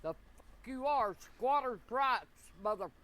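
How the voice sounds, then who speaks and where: A crotchety eighty-year-old grandma who curses nonstop, with a piercing high old-lady falsetto. She rants and defies every rule thrown at her. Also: lively intonation, moderate pace, a crowd in the background. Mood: defiant ranting. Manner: profane, defiant, ranting. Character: foul-mouthed cranky old granny, eighty. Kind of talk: comedic character skit.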